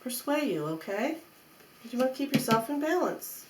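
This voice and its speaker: A woman's voice: high-pitched, very animated, normal speed. Woman giving mystical tarot reading, echoey room. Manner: repeats phrases for emphasis, coaxing and reassuring. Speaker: tarot reader. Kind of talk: mystical tarot horoscope reading, spoken off the cuff. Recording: roomy echo, faint background noise.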